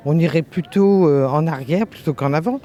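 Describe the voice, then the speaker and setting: A man's voice: fairly high pitch, moderate pace, dark tone. A man giving thoughtful, hesitant answers in a street interview. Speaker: festival-goer.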